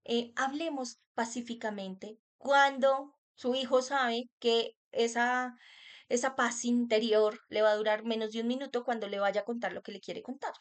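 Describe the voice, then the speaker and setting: Woman, parenting workshop speaker, slightly high voice, earnest, direct, rhetorical questions. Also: steady tone, normal speed. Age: adult parent. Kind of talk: talk on child wellbeing.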